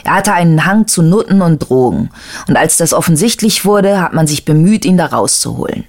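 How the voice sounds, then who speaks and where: Narrator doing a brusque cop guy brushing off questions, clipped and quick, audiobook. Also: on the high side, expressive. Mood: curt. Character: male investigator, curt and dismissive.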